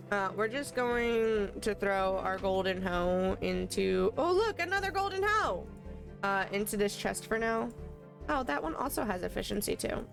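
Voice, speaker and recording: A woman's voice: mid-range voice, gravelly. A woman streaming a video game live, chatting casually and thinking aloud as she plays. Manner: playful, answers chat.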